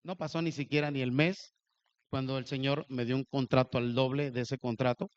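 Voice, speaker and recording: A man preaching a sermon, telling a personal story with animated delivery and acting out the dialogue. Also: mid-range voice, brisk, highs cut off.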